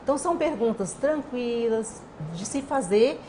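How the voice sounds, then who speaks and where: A woman guest on an interview program, explaining communication in a lively way and acting out little dialogues. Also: a little high, normal speed, slight background noise. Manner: animated, acts out quoted dialogue.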